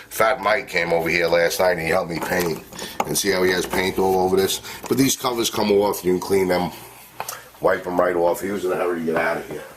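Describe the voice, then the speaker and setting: A man's voice: low voice, distant mic. A man who paints houses, explaining how to paint a ceiling in a loose, rambling way full of fillers, recorded by a camera in a living room under renovation. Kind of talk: casual how-to demonstration. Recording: roomy, off-mic, faint background hiss.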